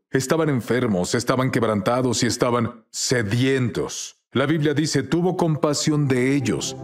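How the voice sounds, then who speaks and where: A man's voice: mid-range voice, darkish tone. A man as the guest minister in a dubbed interview, telling testimonies earnestly and acting out quoted dialogue.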